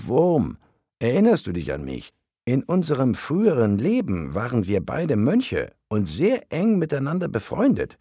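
A man voicing a warm-hearted heavenly male deva, once a monk, who speaks earnestly and coaxingly in an audiobook story. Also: sits low, slightly rough, no echo, clean studio sound, voice pushed up, full character voice.

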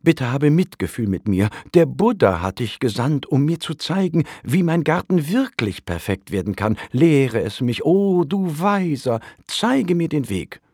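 A man's voice: on the high side, very animated, a little slow, few pauses, a little mellow, husky, dry recording, studio quality, pitched above the performer's own voice, heavily acted. A man doing a pleading young monk. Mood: begging. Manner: pleading, stammering.

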